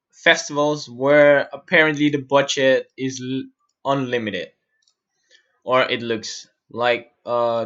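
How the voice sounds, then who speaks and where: Working through a software build on a live-stream tutorial, a man from Austria talks under his breath and answers questions from viewers. The audio is dull, and his voice sits at a medium pitch.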